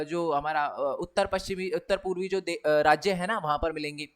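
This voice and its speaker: A young male teacher gives a chatty exam revision lesson, speaking in. His voice sits high for a man, and he keeps asking the students whether they follow. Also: a bit bright. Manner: chatty, repeats tag questions.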